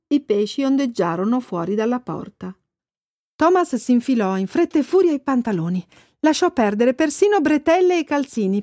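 A woman narrating a children's storybook in an expressive, lively way. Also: fairly high pitch, no room sound, studio quality. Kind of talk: storybook reading.

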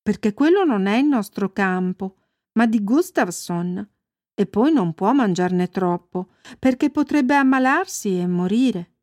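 A woman voicing a gentle worried mother. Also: medium pitch, measured pace, dry recording, studio quality, natural voice. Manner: calm, careful explaining.

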